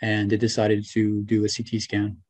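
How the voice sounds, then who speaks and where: A man's voice: on the low side, completely flat delivery, moderate pace, a little mellow, dry recording. A young man in his twenties, a guest on a video call interview, talking earnestly with lots of "you know" and "right". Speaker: interview guest, former student. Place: small room at home. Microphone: webcam or laptop mic on video call.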